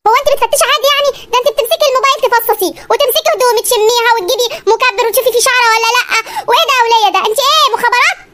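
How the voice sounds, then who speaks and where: A performer voicing a young Egyptian husband who complains fast and indignantly about his wife. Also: extremely high pitch, pushed and bright, a little hiss or hum. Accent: Egyptian Arabic. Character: young husband Hamouksha, hot-tempered and complaining.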